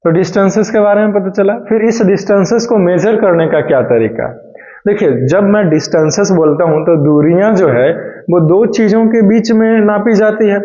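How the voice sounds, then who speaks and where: A man's voice: high voice, normal speed, warm tone. Chatty male science teacher, echoey room. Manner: chatty, mixing Hindi and English, asks and answers his own questions. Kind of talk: classroom lecture. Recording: echoey room, dull lo-fi sound.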